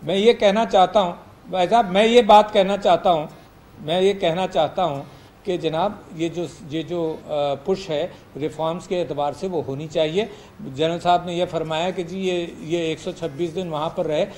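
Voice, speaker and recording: A man's voice: high voice, steady tone, moderate pace, a little mellow, slight background noise. A man from Pakistan, a politician on a talk show panel, insistently repeating himself to hold the floor in a debate.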